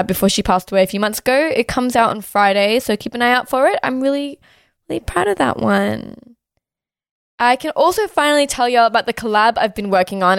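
A young woman hosting a podcast chats easily and fast, scattering "like" and "uh" through her talk. Her mid-range voice is slightly hoarse from a sore throat but still smooth and clear, recorded close and dry with no echo or room sound.

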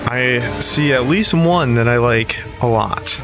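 A man's voice: medium pitch, slow pace. A man playing a tabletop role-playing game, casually describing his moves, with music behind him. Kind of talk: casual play and action narration.

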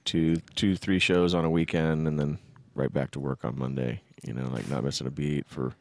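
A man's voice: extremely low pitch, steady tone, normal speed, darkish tone, no room sound. A man in his fifties, a musician and band leader, talking in an easygoing, plainspoken way in casual podcast chat. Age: 50s.

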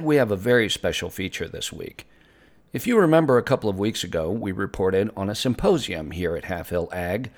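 A man plays a friendly, earnest host of a mock fantasy news broadcast. His voice sits deep and moves animatedly through the scripted copy.

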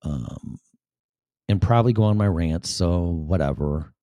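Hosting a live-stream show, this Chicago man wanders through a chatty, profane monologue full of self-deprecation. His low voice is mellow and unhurried, and the recording is dry.

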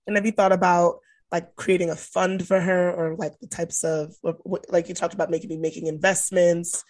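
A woman's voice: lowish voice, flat delivery, moderate pace, a little mellow. A woman hosting a casual chat, asking loose, rambling questions.

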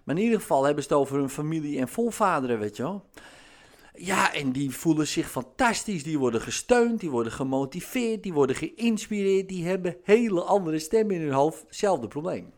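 A man talking casually in a monologue, animated, with many fillers and sudden rises in pitch when excited. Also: a little fast.

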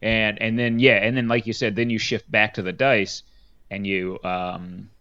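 Podcast co-host, man, low voice, relaxed explainer, dull lo-fi recording. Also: moderate pace, clean tone. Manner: relaxed, explains rules with fillers. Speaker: board game podcast co-host. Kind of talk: casual chat. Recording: dull lo-fi sound.

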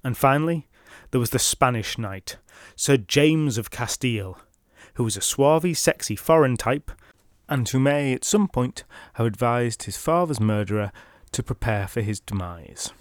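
Man, folklore narrator, scripted, wry asides, middling pitch, dry close recording. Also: animated, normal speed, no room sound. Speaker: storyteller.

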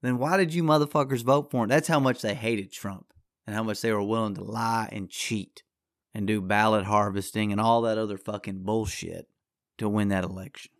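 A man's voice: fairly low pitch, fairly even intonation, moderate pace, dry recording, clean studio sound. A man hosting a podcast alone, ranting in a crude, rambling, combative way with constant swearing. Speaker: podcast host. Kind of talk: profane solo podcast rant.

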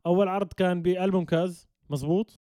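Man, Levantine Palestinian-Jordanian accent, brisk casual interviewer, relaxed tone, close dry sound. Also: high voice, no room sound. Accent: Levantine Arabic, Jordanian-Palestinian.

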